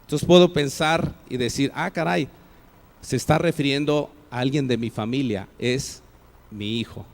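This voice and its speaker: A man's voice: mid-range voice, moderate pace, in a large hall. A man with a Mexican Spanish accent, preaching a sermon as pastor and acting out example phrases with changing tones. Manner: acts out example phrases with shifting tone. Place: church hall.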